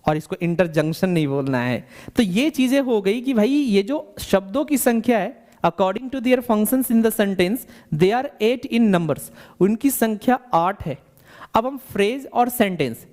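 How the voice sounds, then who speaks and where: A man gives a bilingual spoken English lesson in a high-placed, slightly mellow voice. Explaining things one step at a time, he repeats questions for the learner and eases his pace when dictating definitions.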